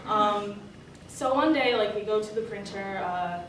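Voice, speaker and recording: A young woman doing a rambling, deadpan stand-up comedy set, full of fillers. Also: mid-range voice, unhurried, a little hiss or hum. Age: young adult. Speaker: stand-up comic. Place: comedy night on stage before a live audience. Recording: distant mic, echoey room, audience laughter.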